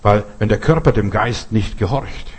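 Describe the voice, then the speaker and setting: A man with a lowish, husky voice preaches a sermon at a moderate pace in German, a language he learned as an adult rather than his first. He repeats himself earnestly and poses rhetorical questions.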